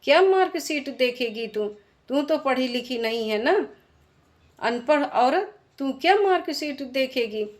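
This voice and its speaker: Scornful teenage girl as a woman storyteller puts her on, high-pitched, slow-spoken, sharp-tongued. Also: lively intonation. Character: spoiled teenage daughter, proud and scornful.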